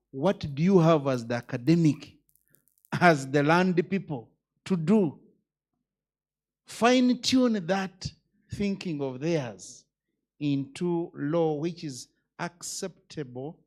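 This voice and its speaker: A man's voice: on the high side, darkish tone. A man, a judge giving a speech at a conference, emphatic and full of rhetorical questions.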